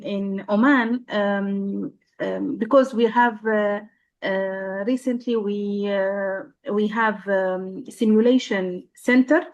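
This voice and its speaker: A woman from Syria, a nursing professor, speaking on a video call and pausing often with fillers and restarts. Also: on the high side. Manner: halting, many fillers and restarts. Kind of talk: casual panel chat.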